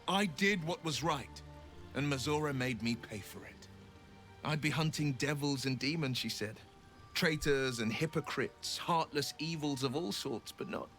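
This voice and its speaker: A man's voice: on the high side, fairly bright tone. An actor voicing a noble male warlock hero from a video game, with a proud, earnest delivery.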